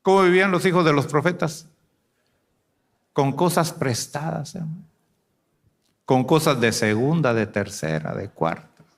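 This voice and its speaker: A man preaching a sermon to a congregation, asking rhetorical questions and swinging between loud and hushed delivery. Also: fairly high pitch, expressive, measured pace, creaky, pauses often. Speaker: pastor.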